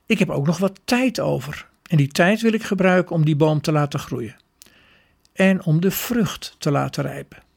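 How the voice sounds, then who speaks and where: A man voicing the Eternal One, a calm, fatherly male God in a storybook tale. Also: fairly high pitch, moderate pace, gravelly, breathy edge.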